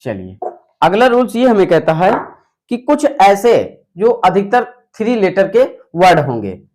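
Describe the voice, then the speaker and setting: Young male tutor, high bright pitch, wide swings, quizzes the class and answers himself. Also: huge pitch swings, measured pace. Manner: repetitive, asks rhetorical questions then answers them. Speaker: English teacher. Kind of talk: whiteboard grammar lesson.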